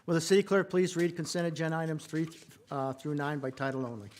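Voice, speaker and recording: Male mayor presiding, slightly high voice, informal, keeps things moving. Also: steady tone, quick pace, darkish tone. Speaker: mayor chairing the meeting. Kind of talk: chairing a city council meeting. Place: council chamber.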